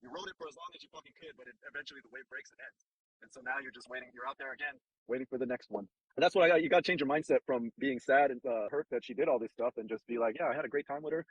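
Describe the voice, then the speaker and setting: A man's voice: medium pitch, animated, rapid-fire, slightly rough, dry recording, highs cut off. A man hosting a casual advice chat, blunt, profane and streetwise, talking from a car. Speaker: host giving dating advice.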